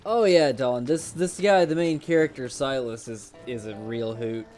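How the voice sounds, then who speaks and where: A man's voice: medium pitch, moderate pace, darkish tone, faint music behind. Casual swearing man streaming a game. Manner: casual, swears, reads text aloud. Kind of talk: gaming stream commentary.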